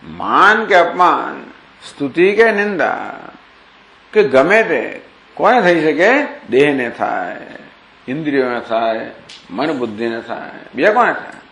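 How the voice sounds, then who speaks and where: A man's voice: on the high side, sing-song, a little slow, long pauses, sharp tone. A man gives a scriptural discourse in a slightly raised voice. He recites verses and explains them by asking questions and answering them himself. The sound echoes noticeably around the room. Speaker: spiritual teacher.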